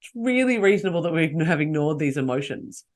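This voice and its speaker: A woman's voice: deep voice, expressive, a little fast. A woman hosting a solo podcast, coaching her listeners and asking them rhetorical questions. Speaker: podcast host.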